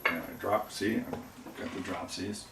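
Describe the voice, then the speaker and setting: A man's voice: sits low, a little slow, creaky. A middle-aged man chatting while he works in his pottery studio, rambling and making self-deprecating jokes. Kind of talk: casual livestream chat while working. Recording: echoey room, distant mic, noisy.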